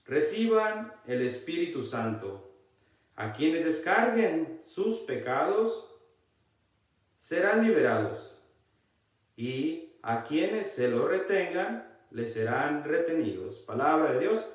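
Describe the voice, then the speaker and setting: A man gives a Bible-reading sermon at an unhurried pace, his pitch rising and falling in lively sweeps. He keeps pressing his listeners to pay attention and repeats key lines. The recording is heavily echoey, with the mic set well away from him. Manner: emphatic, often repeating "look" to the listeners; reads scripture aloud slowly. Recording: very echoey, mic far from speaker.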